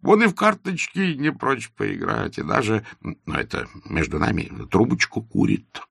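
A man reading as a fussy, rambling old doctor, over sixty, low gravelly voice, dry sound. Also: wildly swooping pitch, normal speed, fairly bright tone, no echo, exaggerated voice. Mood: fond, chatty. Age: 60s. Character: old country doctor, doting, talkative father.

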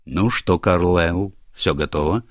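A man's voice: low voice, measured pace, no echo. A man voicing a stern older male minister who speaks curtly and with authority, in an audiobook. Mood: commanding. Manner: curt, commanding, irritable. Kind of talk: audiobook character voice.

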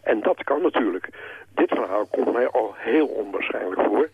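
A man on the phone as a church historian guest, explaining in a measured way with some hesitations. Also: on the low side, lively intonation, slightly rough, no room sound, narrow, tinny audio. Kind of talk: phone interview.

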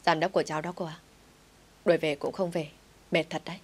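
A woman reading an audio story, voicing a weary young man who talks softly and politely. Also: deep voice, steady tone, fast, breathy edge.

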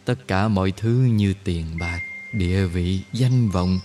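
A man doing a calm, wise old guide. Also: low-pitched, noisy background. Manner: slow, measured, soothing explanations.

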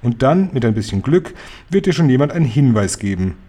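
A man reading the lines of a loving, clever old grandmother in an audiobook, in a calm, careful way. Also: mid-range voice, a little fast.

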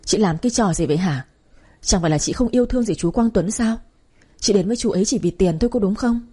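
A woman's voice: medium pitch, fast, dark tone, husky, lightly acted. A woman voicing a hurt, defiant young woman.

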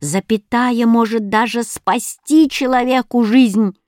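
A woman's voice: on the high side, fairly even intonation, takes it slowly, a little mellow, no room sound, clean studio sound. A woman voicing a stern old woman who is a living punctuation mark, speaking with a scolding tone in a storybook reading. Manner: strict, scolding.

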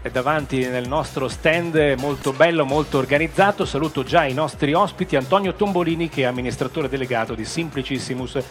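A man hosting a live radio talk show, pausing mid-sentence as he presents. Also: medium pitch, faint music behind. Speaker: radio host. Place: live broadcast stand at a busy book fair.

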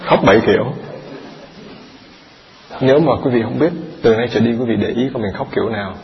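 Gravelly monk preaching. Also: male voice, medium pitch, a little fast. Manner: chatty, quizzes the audience. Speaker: Buddhist monk teacher. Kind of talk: dharma talk to a live audience. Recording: echoey hall, dull lo-fi sound.

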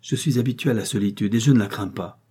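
A man's voice: fairly low pitch, quick pace, warm tone, husky. A man voicing a grave, restrained young widow who works as a lacemaker, in a storybook reading.

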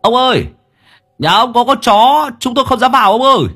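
A man's voice: lively intonation, fairly quick, sharp tone, heavily acted. A man voicing a fat, clumsy, cowardly young man who curses crudely and yelps in panic. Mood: panicked. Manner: shrill panicky yelps and cursing.

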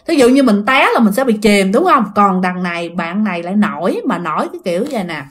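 A woman's voice: medium pitch, quick pace. A woman narrating a ghost story and talking directly to her listeners. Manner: animated, addresses listeners directly.

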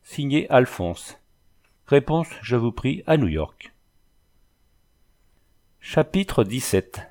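A man reading a classic novel aloud as scripted narration, in a measured, even storytelling delivery. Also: medium pitch. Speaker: audiobook reader.

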